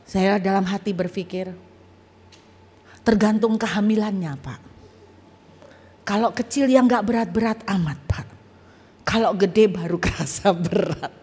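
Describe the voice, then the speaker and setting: A woman guest preacher telling a personal testimony in a sermon, animated and humorous, with casual colloquial asides. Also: mid-range voice, unhurried, long pauses, breathy edge. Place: church auditorium. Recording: long church hall reverb.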